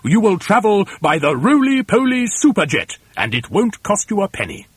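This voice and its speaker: A man's voice: sits high, big pitch swings, normal speed, slightly rough, dry recording, voice pushed up, full character voice. A man voicing a plump, friendly, know-all bird in a storybook reading, explaining things in a matter-of-fact, reassuring way.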